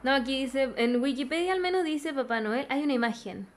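A woman's voice: high-pitched, brisk. A young adult woman with a Chilean accent, hosting a podcast in a playful, teasing casual chat. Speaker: podcast host.

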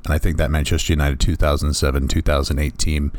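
A man's voice: rumbling low, flat delivery, fast, darkish tone, no room sound. A man with a groggy morning voice, recording a rambling aside to listeners while editing his podcast. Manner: rambling, self-correcting, many "uh" fillers. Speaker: podcast host editing the show.

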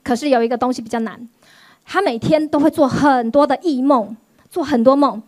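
A woman pastor, giving a sermon testimony in an animated storytelling way. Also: high voice, a little fast. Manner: animated storytelling, acts out quoted voices.

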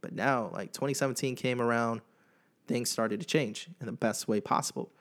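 A man's voice: medium pitch, moderate pace. A young man hosting a podcast, speaking candidly and emotionally in a casual personal monologue full of slang. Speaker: podcast host.

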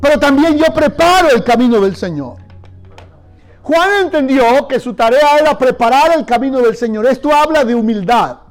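A man's voice: very high voice, normal speed. A male pastor preaching a sermon, telling stories and leading the congregation in call-and-response. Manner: storytelling, addressing the church directly.

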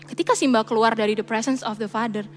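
A young woman, preaching in a chatty, animated way and slipping in English phrases. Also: on the high side, quick pace. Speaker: church speaker. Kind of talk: casual sermon. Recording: reverberant church hall with faint music.

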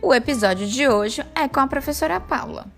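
A woman, a teacher hosting a story podcast, reading a children's tale aloud in an unhurried, expressive way. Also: high-pitched, creaky, soft background music.

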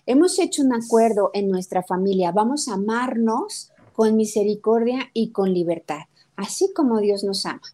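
A woman's voice: mid-range voice, moderate pace, hardly any pauses. A middle-aged woman with a Mexican accent, talking as a guest about family nutrition, telling stories and acting out her daughter's lines. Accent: Mexican Spanish. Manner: animated storytelling, acts out quotes of her daughter. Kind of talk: conversational talk interview.

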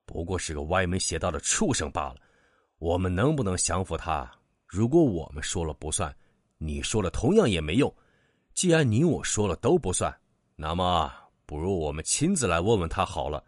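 A man voicing a bold, hot-tempered demon hunter who speaks loudly and bluntly. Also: sits low, expressive, fairly quick, no echo, clean studio sound. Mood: taunting. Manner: loud, blunt and taunting.

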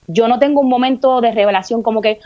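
A Puerto Rican woman with a fairly high voice, talking candidly in a casual podcast chat. She tells her stories with animated, playful mimicry. The sound is a little dull and lo-fi. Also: fast. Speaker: guest.

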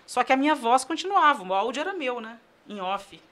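Brazilian woman chatting on a podcast, lively, laughs through her stories. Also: sits high, a little fast. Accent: Brazilian Portuguese. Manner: lively storyteller, laughs while telling anecdotes. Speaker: TV news chief editor, podcast guest. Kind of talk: casual podcast interview.

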